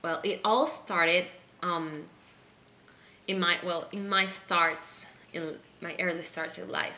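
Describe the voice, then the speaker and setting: Young woman from Venezuela, low voice, earnest and halting, roomy slightly dull recording. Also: fairly even intonation. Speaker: interviewee playing a charity founder. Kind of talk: staged mock interview.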